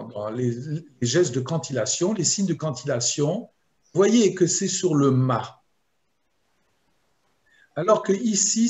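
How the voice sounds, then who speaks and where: Rabbi giving a slow, unhurried Torah lesson, fairly high voice, chants verses aloud. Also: male voice, a little mellow. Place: video lesson.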